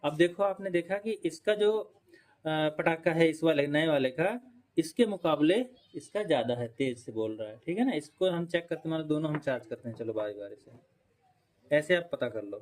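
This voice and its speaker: A man's voice: on the high side, lively intonation, normal speed, darkish tone. A man teaching electrical repair step by step, explaining and checking in often while he demonstrates with tools. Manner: explanatory, repeats points, frequent "ठीक है" check-ins. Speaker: electrician instructor. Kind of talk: hands-on repair tutorial.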